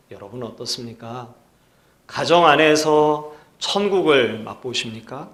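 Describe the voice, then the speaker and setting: A male pastor preaching a sermon in a measured, earnest way, putting rhetorical questions to the congregation. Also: mid-range voice, fairly bright tone. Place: church sanctuary. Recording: echoey church hall.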